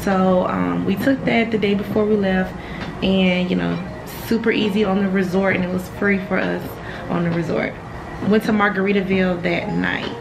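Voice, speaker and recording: A woman in her twenties from the United States chatting in a frank, slangy, unhurried way to her travel vlog. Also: mid-range voice, fairly even intonation, creaky, music in the background, low-quality recording. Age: 20s. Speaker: travel vlogger. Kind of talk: casual vlog chat. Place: hotel bedroom or balcony.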